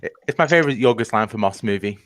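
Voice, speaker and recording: A man hosting a casual online trivia match, jokey and running the show with quick asides. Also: mid-range voice, expressive, fairly bright tone.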